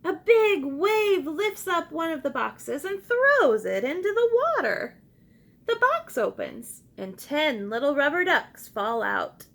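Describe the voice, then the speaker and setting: Her voice high and creaky, a teacher takes her time reading a picture book to a group of young children. She brings lots of expression and encouragement to the interactive session, asking easy questions and guiding call-and-response exchanges.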